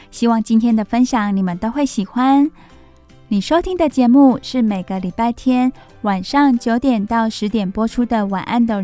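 A woman hosting a children's bedtime story radio show, speaking in a gentle sing-song manner as if reading to a toddler. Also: fairly high pitch. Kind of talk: radio presenting addressed to young children.

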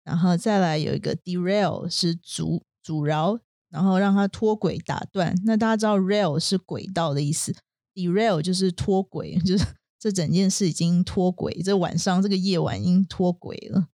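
A woman with a warm, mellow tone co-hosts an English vocabulary lesson. She defines each word patiently, step by step. Her voice is recorded dry and close. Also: on the low side, moderate pace, no echo. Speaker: co-host teacher.

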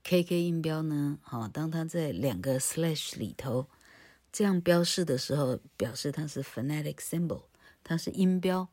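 A woman leads a recorded pronunciation lesson. Her tone is husky and a little breathy. She jokes freely and drags out sounds slowly to demonstrate them. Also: deep voice, warm tone. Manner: jokey and playful, ends phrases with a chatty "ha" tag, laughs at her own stories. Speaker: English pronunciation teacher. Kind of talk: recorded classroom lecture.

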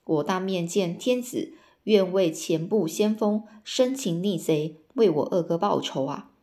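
A woman voicing a hot-tempered, grieving male general, reading his lines in a plain, steady voice. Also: lowish voice, a little slow. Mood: indignant.

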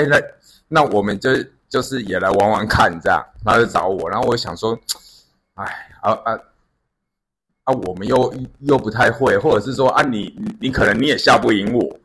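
A man tells family stories in a casual chat. His voice is bright and slightly breathy. He rambles through fillers and restarts. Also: fairly low pitch, brisk. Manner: storytelling, many fillers and restarts. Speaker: podcast co-host.

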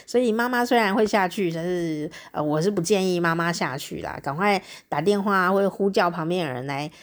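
A woman hosting a casual chat show, telling a story in a chatty, lively way with drawn-out particles. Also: on the low side. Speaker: podcast host.

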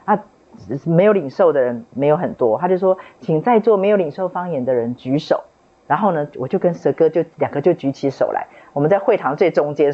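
Husky woman, kinda low voice, tells her church story all animated, dull lo-fi sound. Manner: animated, dramatic retelling with fillers. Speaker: book club member sharing a testimony. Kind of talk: personal faith testimony, storytelling. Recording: dull lo-fi recording.

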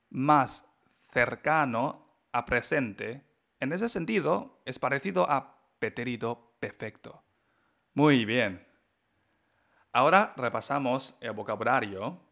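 A man hosting a podcast language lesson, with Mandarin Chinese as his first language. He speaks at a very slow, deliberate pace, in a middle pitch for a man. He models each tone and spells out pinyin one letter at a time. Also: creaky, a bit bright. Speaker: Chinese teacher and podcast host.

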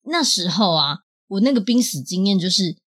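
A woman podcast host tells a deeply personal story. Her voice is husky and slightly breathy, sitting in an ordinary middle pitch. She speaks earnestly and expressively, often checking in with the listener. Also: expressive, moderate pace, a bit bright.

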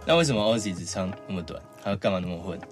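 Male podcast host, playful ribbing, rapid delivery. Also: sits low, expressive, faint music behind. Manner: teasing, playful, mixes English words. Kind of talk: casual podcast chat.

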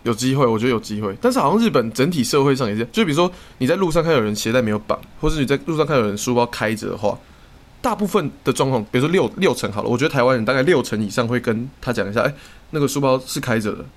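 A young man from Taiwan, co-hosting a podcast in casual chat, telling stories quickly with lots of swearing. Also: mid-range voice. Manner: rapid, swearing, animated storytelling. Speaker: podcast co-host.

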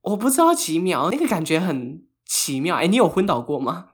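A man's voice: fairly high pitch, sing-song, brisk, slightly rough. A man co-hosting a podcast, telling a story in casual chat with frequent laughter and English phrases mixed in. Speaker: podcast co-host.

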